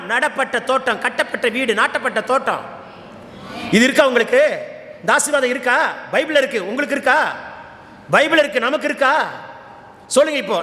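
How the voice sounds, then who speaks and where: A man's voice: very high voice, bright, forceful tone, a little hiss or hum. A male preacher with a Tamil Nadu accent, exhorting a congregation and calling on them to repeat after him. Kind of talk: Tamil Pentecostal sermon. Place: large church hall. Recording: echoey hall with long reverb.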